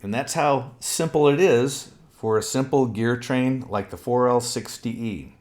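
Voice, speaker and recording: A man's voice: mid-range voice, measured pace, darkish tone. A middle-aged man explaining a technical topic step by step as an instructor, methodical, with frequent fillers. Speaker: transmission instructor. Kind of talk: technical walkthrough lesson.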